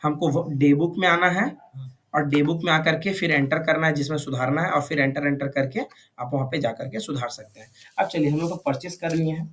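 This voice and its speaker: A man's voice: a little high, brisk, a bit bright. A man teaching a classroom lesson, constantly checking whether students follow. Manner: checks understanding with frequent questions. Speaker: computer course teacher. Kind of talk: live classroom instruction.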